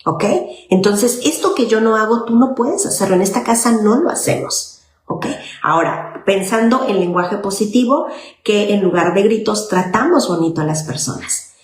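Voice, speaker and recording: A woman's voice: mid-range voice, lively intonation, normal speed. A woman child psychologist, explaining parenting in an informal talk and often checking in with "okay?". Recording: echoey room with faint noise.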